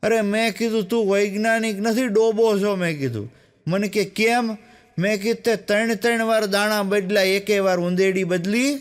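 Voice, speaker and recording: This male comic's voice is high-pitched and moderately paced, coloured by a Gujarati accent from the Saurashtra dialect. Telling jokes on stage, he narrates stories and voices the lines of the people in them.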